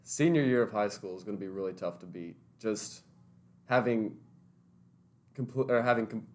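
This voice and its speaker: A young man in his twenties from Tennessee, an interview guest working as a teaching intern, speaks at a moderate pace in a fairly low voice. He answers the questions earnestly and thoughtfully, restarting a few of his sentences.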